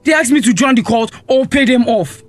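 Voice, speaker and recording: A young man playing a furious neglected son with a high voice. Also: fairly quick, dry recording. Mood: aggrieved. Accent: Nigerian. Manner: confrontational, accusing. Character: resentful neglected teenage son. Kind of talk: radio drama acting.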